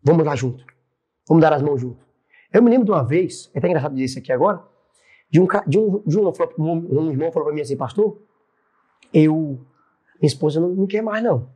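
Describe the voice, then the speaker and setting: A man who is a pastor, telling a lively testimony story in a faith podcast interview, with a Brazilian Portuguese accent. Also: fairly high pitch, fast talker, pauses often, husky. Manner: lively storyteller acting out quoted voices. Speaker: pastor and church president, podcast guest.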